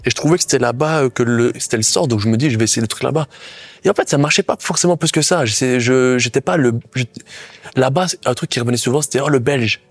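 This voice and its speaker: A man with a Belgian accent chatting in an interview, animated and rambling, with constant little asides. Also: medium pitch, quick pace, dry recording. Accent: Belgian French. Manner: animated, rambling, frequent "tu vois". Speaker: guest, content creator. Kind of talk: casual interview chat.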